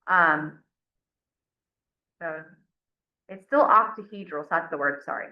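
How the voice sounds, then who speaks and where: Woman, chemistry teacher, step-by-step classroom lecture, slightly low voice, roomy echo. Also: measured pace. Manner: explains step by step, counts aloud. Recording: roomy, dull lo-fi classroom recording.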